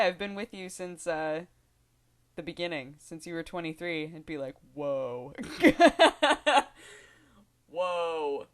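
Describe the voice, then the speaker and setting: A woman in her twenties talking casually to the camera in a rambling vlog, chatty and giggly, full of fillers and restarts. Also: lowish voice. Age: 20s. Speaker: video blogger.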